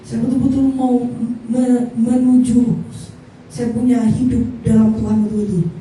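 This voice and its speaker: A woman giving a halting, earnest personal testimony at a church service, slowing down to stress her words. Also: on the high side, level tone, dark tone. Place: large echoey church hall. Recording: echoey hall from far off, faint noise.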